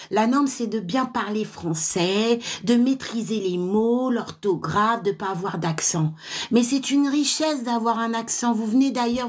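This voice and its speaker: A woman trainer, speaking live to viewers in an encouraging pep-talk, with frequent fillers and restarts. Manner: laughs often, loud high laughs.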